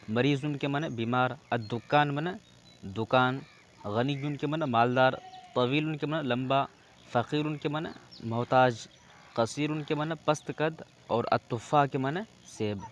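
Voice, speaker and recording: A man's voice: medium pitch, slight background noise. A man teaching an Arabic lesson in Urdu, reading Arabic words aloud one at a time and then explaining what each one means.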